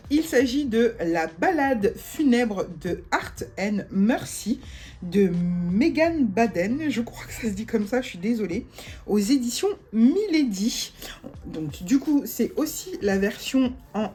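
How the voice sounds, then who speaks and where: Slow-talking giggly woman. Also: fairly high pitch, expressive, darkish tone. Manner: chatty, many fillers, giggles often. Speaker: book vlogger. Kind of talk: casual book haul chat.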